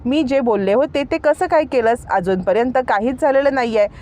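A woman voicing a sharp-tongued young wife who taunts and scolds her sister-in-law, in a retold TV serial story. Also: on the high side, fairly quick, close to an everyday voice. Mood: taunting.

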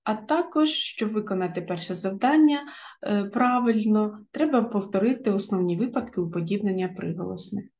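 A woman's voice: medium pitch, animated, normal speed, darkish tone, slight background noise. A middle-aged woman co-author and teacher giving an exam-prep lesson, explaining step by step with frequent hesitation fillers.

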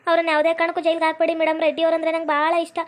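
A woman's voice: very high-pitched, completely flat delivery, very fast. A woman doing a wronged wife, pleading and whining. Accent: North Karnataka Kannada.

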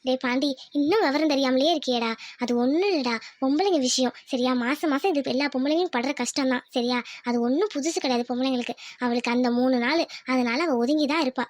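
A woman doing an older village mother, low and patient. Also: fast, few pauses, no echo, clean studio sound, close to an everyday voice. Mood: patient, soothing. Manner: scolding yet soothing, explains patiently. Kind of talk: cartoon voice acting.

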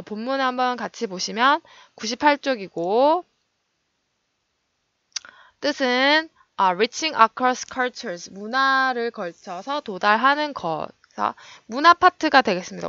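A woman teaching English vocabulary in a recorded lecture, her voice bright and edged with vocal fry. She explains meanings and stress, often slowing down to model pronunciation. The sound is dry and a little dull, like lo-fi lecture audio. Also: a little high, dry recording.

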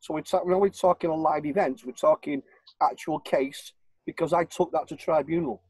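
Older northern english guy on a video call, husky voice, fairly high, dry sound, keeps hammering his point. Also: fairly even intonation, normal speed, darkish tone, dry recording, poor audio. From Warrington, northern England. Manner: emphatic, insistent, repeats his points. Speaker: guest. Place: living room at home. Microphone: webcam on a video call.

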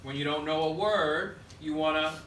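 A third grade teacher whose voice is on the high side, fairly bright in tone and moderate in pace, leads his indoor class. He's projected and directive, relying on short prompts and call-and-response. The sound comes from a distant camera at the back of the room, with echo and faint noise.

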